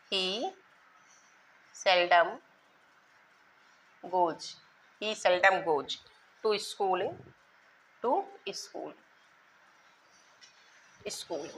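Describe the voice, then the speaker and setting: A woman's voice: medium pitch, pushed and bright, a little hiss or hum, poor audio. A woman teaching a grammar lesson to exam students, spelling out words letter by letter and repeating phrases as she asks and answers her own questions.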